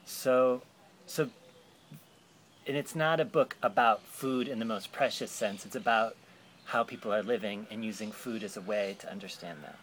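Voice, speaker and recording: Interviewer, male, deeper voice, thoughtful and meandering, slight noise behind. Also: moderate pace, a bit bright. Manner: thoughtful, rambling explanations with fillers. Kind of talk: explaining a book project in an interview.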